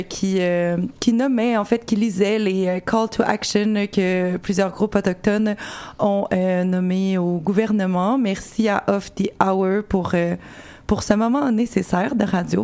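A woman's voice: mid-range voice, steady tone, unhurried, darkish tone, clear, resonant tone. Woman hosting live radio. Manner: hesitant, many "euh" fillers, laughs easily. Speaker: radio host. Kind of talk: live campus radio chat. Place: radio studio.

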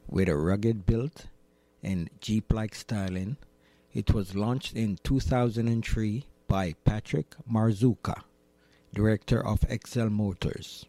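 A man's voice: fairly low pitch, takes it slowly, warm tone, dry recording. A man presenting on radio, reading scripted facts and weather forecasts.

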